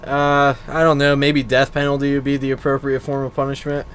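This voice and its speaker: A man guest on a podcast, joking in a deadpan, dry way. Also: medium pitch, brisk, a little hiss or hum. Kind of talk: casual podcast banter.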